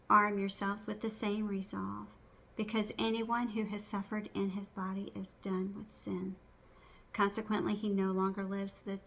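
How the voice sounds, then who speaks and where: A woman reciting scripture by rote from memory, in measured phrases one after another. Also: mid-range voice, creaky, fairly bright tone.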